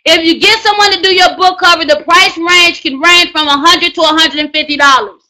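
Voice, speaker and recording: A woman teaching a writing class, coaching loudly and repetitively in slangy, preacher-like exhortation. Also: very high voice, brisk, rough recording. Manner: loud, hollering, preacher-like exhortation. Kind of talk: live online class on book promotion.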